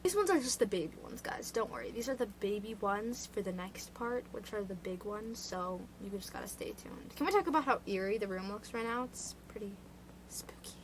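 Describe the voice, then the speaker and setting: A woman's voice: medium pitch, animated, brisk, few pauses, a little hiss or hum, poor audio. A woman vlogger casually retelling true crime cases in a rambling way, full of "like" fillers and side chatter, recorded indoors. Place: indoor room.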